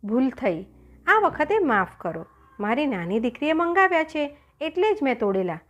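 A woman's voice: sits high, lively intonation, moderate pace. A woman playing a pleading merchant father. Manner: anxious, pleading.

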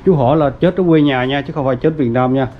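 Speaking fast in a mid-range voice, a man vlogs his walk around a family grave site, starting at the cemetery gate. His narration is loose and filler-heavy, and he talks straight to viewers, calling them "everyone." The outdoor recording is dull and lo-fi.

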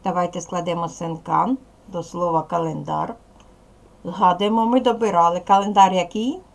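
A woman with a Ukrainian accent, a primary school teacher giving a recorded lesson to young children in slow, clear instructions. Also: lowish voice, fairly even intonation.

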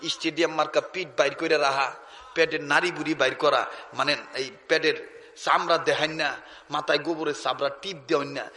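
Male Islamic preacher, Shariatpur Bengali accent, fiery call-and-response sermon, long hall reverb, roomy loudspeaker sound. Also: on the high side. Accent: Shariatpur Bengali dialect. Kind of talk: impassioned waz sermon. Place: large religious gathering.

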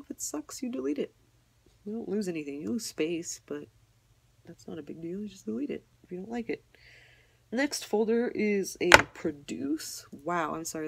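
Apologetic young woman with a gravelly voice. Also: darkish tone. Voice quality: low, slightly husky voice. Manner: rambling, self-deprecating, apologetic, unsure. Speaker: YouTuber showing her tablet apps. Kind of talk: casual screen walkthrough.

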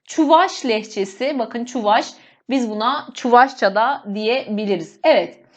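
High-voiced woman teacher explaining. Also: unhurried. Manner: explains step by step, often addresses students as "friends". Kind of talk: exam walkthrough lesson.

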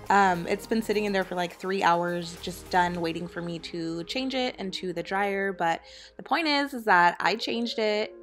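A woman in her thirties, a mother, chatting casually to her viewers in a home voice-over. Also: medium pitch. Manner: chatty, upbeat, talks straight to viewers. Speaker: vlogger, mother.

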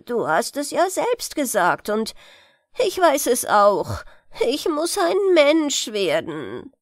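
A woman's voice: high voice, huge pitch swings, takes it slowly, dry recording, studio quality, heavily acted. A woman reading a sad, dying little male beetle who was once a star, in a lamenting, pleading tone. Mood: mournful.

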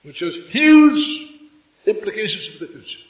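An older man giving a fiery revolutionary speech at a stand microphone in a hall, speaking emphatically and deliberately with repetition and dramatic pauses. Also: high-pitched, expressive, distant mic. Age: 60s or older. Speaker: political speaker at a congress. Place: indoor hall before a seated audience. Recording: echoey hall public-address sound.

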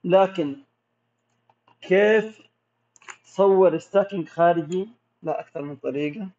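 A man's voice: high voice, unhurried. Man with a Gulf Arabic accent, dull audio. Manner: relaxed, explanatory, reads questions aloud. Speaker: macro photographer answering viewer questions. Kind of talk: casual live Q&A.

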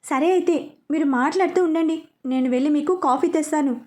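A woman's voice: high voice, brisk, darkish tone, close to an everyday voice. A woman reading a haunted young wife. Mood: earnest.

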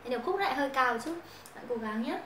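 A woman's voice: high voice, animated, fast, roomy sound, background noise. Vietnamese-speaking young woman teaching English songs. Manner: chatty, explains pronunciation, sings lines to guitar. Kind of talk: casual song-based English lesson with singing.

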